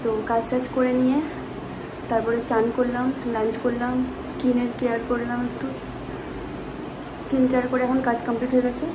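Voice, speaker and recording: Moving through her kitchen and rooms, a home vlogger explains her daily chores to viewers in a high-ish, brisk, completely flat voice over a noisy background. She speaks softly while her child sleeps and coaxes the child in a sing-song tone.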